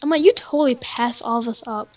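A woman's voice: fairly high pitch, brisk, a little mellow, highs cut off. A woman chatting casually while playing a game, playful and teasing, often giggling. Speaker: gamer co-host. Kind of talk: casual gameplay chat.

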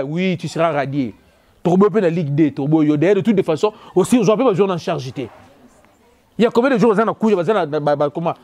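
A man with a Congolese French accent delivers a heated, repetitive rant as a football commentator. His voice sits high for a man yet sounds dark and mellow in tone. He hammers each point again and again. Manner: emphatic, repetitive, rapid code-switching. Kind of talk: opinion rant on local football.

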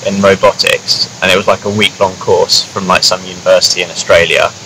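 Low-voiced young man, laid-back rambling. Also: a little fast. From New Zealand. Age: young adult. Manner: relaxed, rambling, fills with "like" and "kinda". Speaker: guest, engineering student. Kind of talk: casual interview. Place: outdoors in a grassy field. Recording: steady outdoor noise behind.

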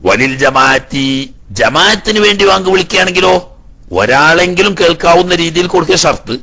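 Husky bright-voiced man teaching a class. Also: sits high, quick pace. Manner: explains Arabic text line by line, then paraphrases; asks the class rhetorical questions. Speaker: religious teacher. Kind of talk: Islamic law class lecture.

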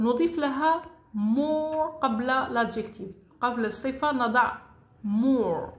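Woman, English teacher, slow, careful spelling-out of words, bright higher voice, echoey room. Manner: spells out words slowly, switches between English and Arabic. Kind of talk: slow classroom grammar lesson.

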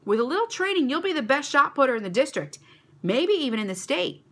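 A woman's voice: high-pitched, big pitch swings, brisk, a bit bright, voice pushed up. A woman doing a cheerful, praising male coach. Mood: encouraging. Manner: upbeat, praising. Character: kind encouraging male track coach.

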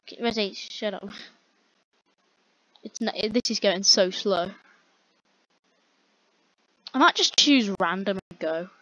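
A young woman giving rambling, exasperated commentary on a slow-loading online game while chatting with a friend. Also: medium pitch, bright, forceful tone, no room sound. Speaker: gamer. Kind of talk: casual gameplay commentary. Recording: dull lo-fi dry recording.

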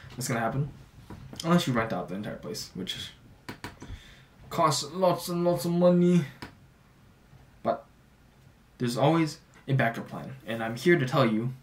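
A young man in his twenties giving gym advice in a relaxed way, full of "like" fillers, in a small home office. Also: medium pitch, recorded from a distance. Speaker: fitness YouTuber. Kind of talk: casual talking-head advice.

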